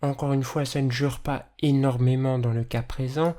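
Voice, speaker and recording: A person with a slight lisp and hissy, slushy s sounds, explaining audio editing as a tutor in a measured, careful way. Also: mid-range voice, steady tone, dark tone. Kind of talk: instructional screencast narration, explanatory.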